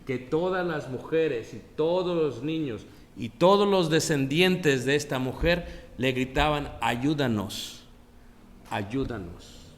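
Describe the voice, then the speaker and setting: Preacher in an echoey hall. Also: male voice, fairly high pitch, a little hiss or hum. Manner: conversational, asks the congregation questions. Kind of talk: sermon. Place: church.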